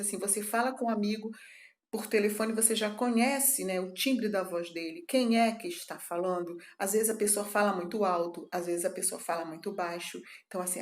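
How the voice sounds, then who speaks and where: A woman's voice: medium pitch, reverberant. A woman teacher giving a recorded class, explaining things step by step and often checking in with a questioning tag. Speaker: arts teacher.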